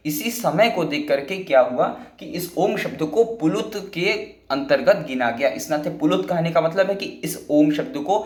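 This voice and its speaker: A man gives a lesson in a slightly high voice, patiently going over each idea again and again. His voice rings in an echoey room. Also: moderate pace, few pauses. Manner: repetitive, patient explaining with many restatements. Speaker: Sanskrit teacher. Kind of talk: explanatory classroom lesson.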